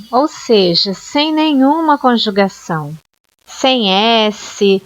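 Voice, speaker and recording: A Brazilian woman teaching an English lesson, explaining grammar slowly and clearly and often checking with "ok?". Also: a little high. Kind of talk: online language lesson. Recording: dull lo-fi sound.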